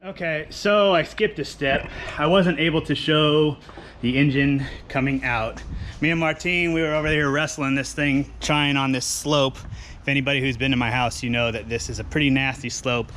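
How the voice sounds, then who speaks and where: A man casually talking through his car project in a relaxed, rambling way, outdoors at home. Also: mid-range voice, normal speed, slight background noise. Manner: relaxed, rambling, filler-heavy. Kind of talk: casual talk-through while wrenching.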